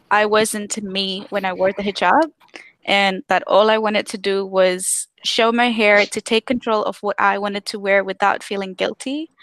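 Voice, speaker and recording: A woman's voice: mid-range voice, a bit bright, dry recording. A young woman from Tanzania giving earnest personal testimony on a live stream, with many "um"s and restarts. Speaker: activist speaker on a live stream.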